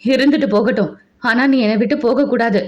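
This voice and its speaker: A woman's voice: fairly high pitch, brisk, natural voice. A woman voicing a young husband in an audio novel, who coaxes his wife and then pleads with her desperately. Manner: coaxing, then desperate and insistent. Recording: dull lo-fi recording.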